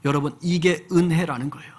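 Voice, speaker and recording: A man's voice: fairly high pitch, fairly even intonation, a little fast, a little mellow, breathy edge. A man, a senior pastor, preaching a sermon in a conversational storytelling way, often asking the congregation questions.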